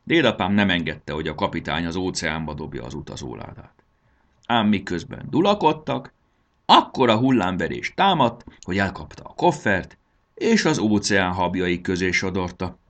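A man reading a children's storybook aloud as narrator, in an expressive, animated way. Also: sits low.

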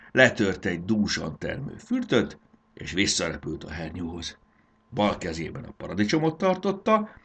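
A man narrating a children's story in an expressive, animated reading. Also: low voice, slightly rough.

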